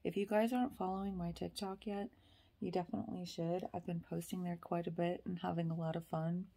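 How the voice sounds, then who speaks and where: A vlogger in her thirties lies on her bed indoors, chatting to a phone camera held at arm's length. Her voice is lowish and a little fast, with a flat delivery and vocal fry. She's chatty and sometimes slips into soft whispers.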